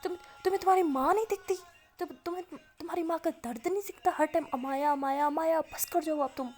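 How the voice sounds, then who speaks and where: A woman's voice: very high voice, brisk, a little mellow, pitched above the performer's own voice. A woman voicing an upset middle-aged mother scolding her daughter. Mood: angry. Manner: angry, scolding.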